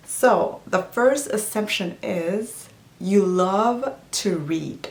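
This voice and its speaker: An easygoing health and nutrition vlogger from Djibouti, whose first language is not English, chats through a casual Q&A vlog. Her mid-range voice is very slow, full of fillers and restarts, and the room has a roomy echo.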